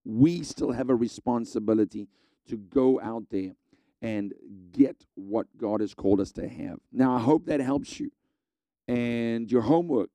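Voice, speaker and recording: A man's voice: fairly low pitch, warm tone, dry recording. A middle-aged man preaching a sermon, earnestly exhorting his listeners and repeating key phrases.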